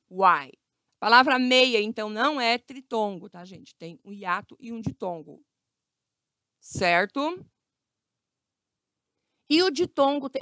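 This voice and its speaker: With a fairly high pitch and a fairly bright tone, a teacher speaking with a Brazilian Portuguese accent teaches grammar to kids. There is no room sound, and she stretches her words slowly while repeatedly checking in with the students.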